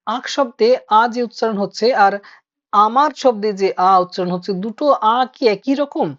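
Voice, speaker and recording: A woman's voice: fairly high pitch, normal speed. Patient woman teacher on a lo-fi online class. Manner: patient, explains step by step, asks students questions. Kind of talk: online Bengali grammar class. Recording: dull lo-fi online class audio.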